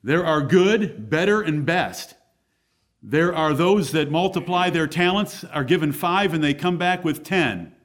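Blunt preacher at a pulpit microphone. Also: male voice, on the high side, lively intonation, a little slow. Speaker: pastor. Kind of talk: sermon.

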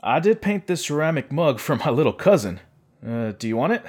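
A man doing a husky, spacey stoner guy. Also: fairly high pitch, very animated, a little fast, a little mellow, pitched above the performer's own voice. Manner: drowsy, dazed, rambling. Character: stoned young male artist, slow and spacey. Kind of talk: audiobook character voice.

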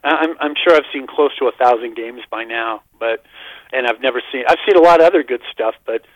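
A man's voice: mid-range voice, brisk, dry recording. An older man, a radio guest, telling baseball memories in an enthusiastic, rambling way over the phone. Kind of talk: casual radio chat. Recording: dull, lo-fi phone line.

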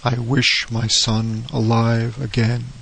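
A frightened old father from an old horror storybook, unsteady and faltering as he speaks, read by a man. The voice is rough and gravelly, with a very flat melody. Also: medium pitch, takes it slowly, slight background noise, poor audio.

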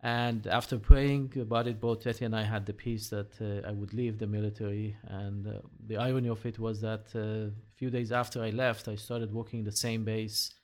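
A man's voice: lowish voice, flat delivery, darkish tone. Earnest middle-aged Israeli man. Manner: earnest, many "uh" pauses. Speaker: interview guest. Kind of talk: conversational interview.

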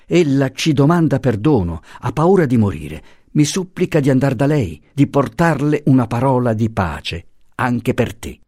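A man voicing a tender, anxious young husband who speaks gently and pleadingly, in a dry audiobook reading. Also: medium pitch, very animated, moderate pace, hardly any pauses, no room sound, pitched above the performer's own voice.

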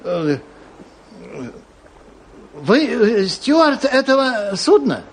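Absent-minded gentleman traveller, old radio show acting, cheerful, effusive, flustered stammer, very lively melody. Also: extremely high pitch, drawn-out words, breathy edge, heavily acted. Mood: eager, sociable.

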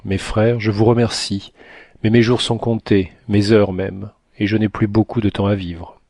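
A man's voice: fairly low pitch, level tone, moderate pace, darkish tone, no room sound. A man reading the lines of a dying, grateful missionary priest in a faint, resigned voice. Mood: weak, resigned. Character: dying older male priest, weak and grateful.

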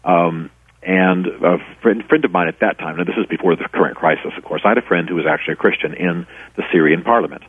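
A man's voice: low voice, quick pace, slightly rough, dry recording. A middle-aged man, an author and former pastor, telling stories earnestly in a radio interview with many restarts. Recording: tinny phone line, dry.

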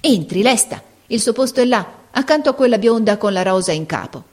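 A woman's voice: on the high side, animated, fairly quick, a little mellow, pitched above the performer's own voice. A woman reading aloud, voicing a curt, imperious female household servant who scolds and hurries a girl along. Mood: impatient.

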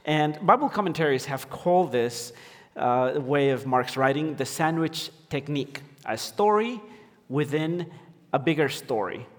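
A man's voice: fairly high pitch, lively intonation, a little slow, long reverb tail. A man from Ecuador preaching as a pastor, hesitant with many fillers and restarts. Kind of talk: sermon. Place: church sanctuary.

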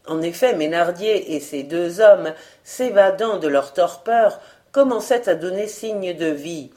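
A woman narrating a novel as an audiobook, steady and expressive. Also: fairly low pitch.

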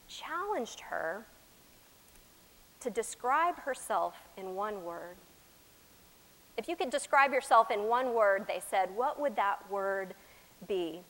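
A woman from Texas with an American accent preaching a sermon, with deliberate, emphatic phrasing, dramatic pauses and swings from loud to soft. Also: mid-range voice. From Texas, United States. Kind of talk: sermon to a chapel congregation. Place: large chapel, speaking to a congregation. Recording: echoey hall with long reverb.

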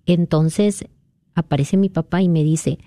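A woman's voice: deep voice, fairly even intonation, a little slow, dark tone, no echo, clean studio sound. A woman from Peru earnestly retelling a dream as a guest in a conversation. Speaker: guest sharing a testimony. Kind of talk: conversational storytelling.

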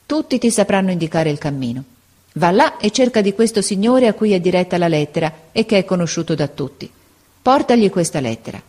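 A woman voicing a kindly older man in a storybook reading, calm and compassionate. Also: fairly low pitch, brisk. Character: kindly older bearded man, Spanish-speaking.

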